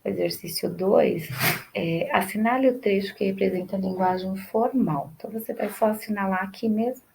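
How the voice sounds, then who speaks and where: A woman's voice: mid-range voice, brisk, vocal fry, a little mellow, slight background noise, low-quality recording. A woman teacher explaining class activities step by step, often checking in with "tá bom?" and "né?". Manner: explains step by step, repeating phrases. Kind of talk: remote class lesson.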